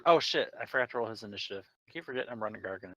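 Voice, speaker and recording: A man's voice: lowish voice, lively intonation, rapid-fire, bright, forceful tone, no echo, poor audio. A man chatting informally and jokingly as a player in a tabletop game. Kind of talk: casual game chat.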